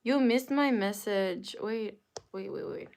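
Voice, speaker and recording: A woman speaks slowly in a mid-range, darkish voice during a casual livestream, addressing the chat directly. English is not her first language, and she repeats the same phrases many times.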